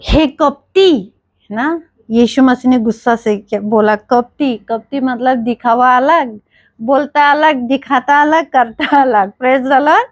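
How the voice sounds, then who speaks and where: A woman's voice: high voice, fairly even intonation, measured pace, dry recording. A woman preaching a sermon, often asking questions and answering them herself and repeating praise phrases. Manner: repeats "Praise the Lord", asks and answers her own questions.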